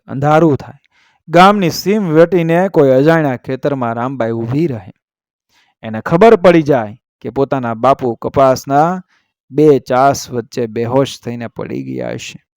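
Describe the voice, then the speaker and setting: A man's voice: mid-range voice, a little mellow, clean tone, no room sound. Earnest male storyteller, dry close sound. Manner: measured, earnest storytelling with vivid pauses. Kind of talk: emotional story narration.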